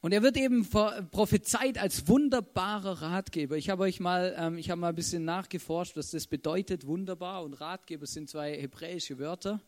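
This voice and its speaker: Chatty high-voiced preacher. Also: male voice, normal speed, hardly any pauses. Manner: chatty, keeps asking "oder?". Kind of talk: casual sermon.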